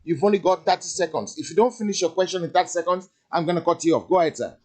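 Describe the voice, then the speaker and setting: Give me a brisk, fast male talk-show host cutting callers short. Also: sits high, a little mellow. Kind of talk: moderating a phone-in talk show.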